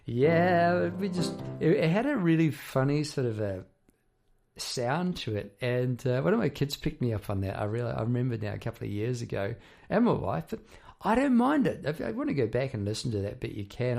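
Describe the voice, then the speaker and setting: A man hosts a casual, reflective monologue as a working musician. His voice is croaky and gravelly, with plenty of fry. He speaks in a halting, rambling way, doubling back on his words as he thinks aloud. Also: medium pitch, big pitch swings, darkish tone. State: croaky voice after poor sleep. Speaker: songwriter and musician hosting a half-hour talk.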